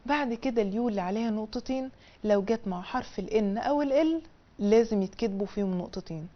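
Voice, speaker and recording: A woman's voice: fast talker, highs cut off. A woman with an Egyptian Arabic accent teaching a language lesson on television, explaining step by step in a colloquial way. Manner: drills syllables in a high sing-song, then explains in colloquial Egyptian Arabic. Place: television studio.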